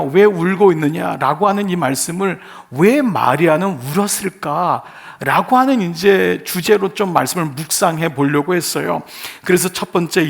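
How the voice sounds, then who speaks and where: A man's voice: a little high, vocal fry. A male pastor giving an earnest sermon in short phrases, putting rhetorical questions to his congregation. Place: church sanctuary.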